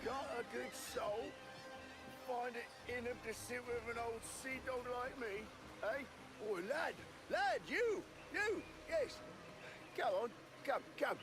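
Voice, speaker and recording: An actor playing a gruff, talkative old sea dog, like an aged fisherman musing on life, in a video game. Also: very high-pitched, very animated, slow pace, exaggerated voice. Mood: coaxing. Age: older. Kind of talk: video game character acting. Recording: music playing behind the voice.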